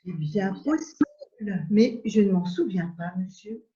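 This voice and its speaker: A woman playing a prim English lady in an absurdist stage scene, speaking in measured, repetitive exclamations of polite surprise over a video call. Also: mid-range voice, animated, mellow, close to an everyday voice. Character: prim English lady, mildly astonished, formal. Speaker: amateur actor. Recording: dull echoey room audio.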